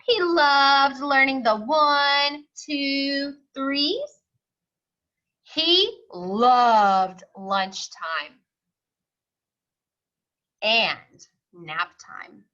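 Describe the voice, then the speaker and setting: A woman reads a storybook aloud to young children in an expressive, singsong manner, stopping to explain things and ask questions. Her voice sits high, and the audio sounds dull.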